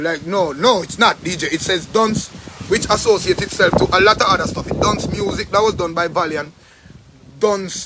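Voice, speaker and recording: A Jamaican man on a live stream, ranting loosely in a noticeably high voice. He talks in a rambling way and swears freely, with lots of animation. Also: a bit bright, a little hiss or hum. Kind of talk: casual live-stream rant.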